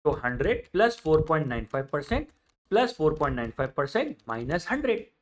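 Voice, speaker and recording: A male maths teacher teaching through a story, switching between quiet asides and loud outbursts. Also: on the high side, very animated, fast. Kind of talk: storytelling lesson.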